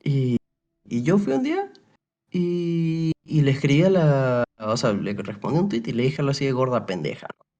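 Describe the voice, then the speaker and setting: In a muffled recording, a young Paraguayan man speaks at a medium pitch and normal speed, his voice expressive and mellow. As an interview guest in a relaxed chat, he tells a winding story, restarts often, uses "o sea" a lot, and plays out pieces of dialogue.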